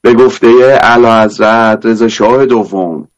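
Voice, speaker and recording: A man's voice: fairly low pitch, fairly even intonation, highs cut off. A man with an Isfahani Persian accent giving an emphatic political address as a panel guest.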